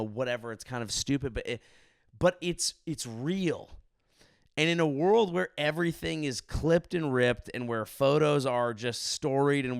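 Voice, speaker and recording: A man's voice: medium pitch, no echo, clean studio sound. A drunk man vlogging in a rambling, earnest monologue, swearing freely as he goes. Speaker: content creator, vlogger. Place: hotel room.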